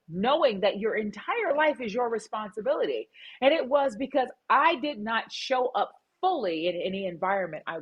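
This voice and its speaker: A middle-aged woman, a guest in a candid interview, tells her story with emphasis and animation. Her voice is fairly high and slightly rough.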